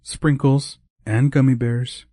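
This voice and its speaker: A man voicing a cheerful, playful young woman teacher in an audiobook, lifting his voice higher and teasing. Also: level tone, slow pace, mellow, dry recording, studio quality. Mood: lively. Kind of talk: audiobook character voice.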